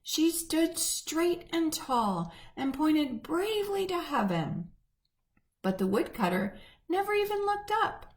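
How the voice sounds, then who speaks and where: A woman reading a picture book aloud to children, gently and expressively. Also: high voice, sing-song, takes it slowly. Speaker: church children's storyteller.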